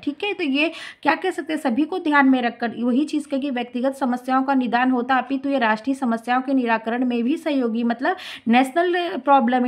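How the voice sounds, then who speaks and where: Hindi-speaking woman teacher, lively rhetorical lecture. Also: sits high. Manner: mixes English terms into explanations, asks rhetorical questions. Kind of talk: classroom lecture explaining notes.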